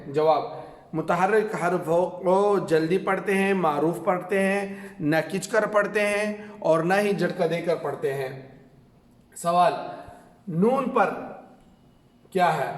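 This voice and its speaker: A man with a Pakistani Urdu accent leads a reading lesson at a whiteboard. He drills question after answer, pausing with fillers. His slightly high voice rings in a roomy space with long reverb. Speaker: Quran reading teacher. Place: classroom with a board. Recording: echoey room with long reverb.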